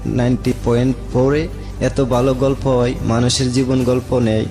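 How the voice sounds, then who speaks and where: A man in his late thirties from rural Moulvibazar, Bangladesh, with a Sylheti-region accent, tells his own story plainly and respectfully as a guest in a radio studio. His mid-range voice holds a level tone at a moderate pace, with music playing behind him.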